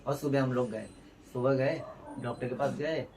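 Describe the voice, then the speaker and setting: Young man, new father, casual rambling storytelling, mid-pitched, distant mic. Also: fairly even intonation, normal speed, a crowd in the background. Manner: heartfelt, rambling with restarts. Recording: distant mic with faint ambient noise.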